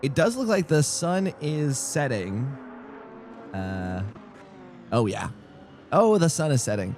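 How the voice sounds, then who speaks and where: A man's voice: on the high side, very animated, slow pace, a little mellow, faint music behind. A young man rambling through casual live-stream commentary on a sim race, jokey and easily distracted. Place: home streaming setup.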